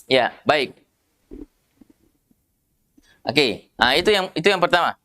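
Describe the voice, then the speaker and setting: A man with an Indonesian accent teaching Quran recitation, pitched fairly high with a smooth, resonant tone. He explains patiently in a conversational way, often restarting his sentences. He stretches out single syllables slowly so that learners can copy them. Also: lively intonation, sharp tone. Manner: patient, repeats syllables slowly to demonstrate pronunciation; many fillers and restarts, conversational. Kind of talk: tajwid lesson.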